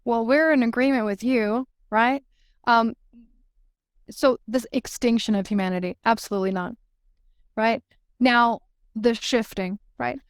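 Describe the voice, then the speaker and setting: A woman's voice: on the high side, fairly even intonation, measured pace, long pauses, no room sound, clean studio sound. A woman channeling a spirit collective, giving emphatic spiritual guidance with frequent "right?" check-ins. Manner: emphatic, peppered with "right?" tags.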